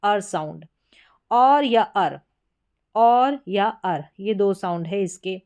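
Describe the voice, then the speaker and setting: A woman teaching English spelling patterns in a spoken lesson. She explains each rule step by step and repeats every example word slowly. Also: mid-range voice, expressive, darkish tone, smooth.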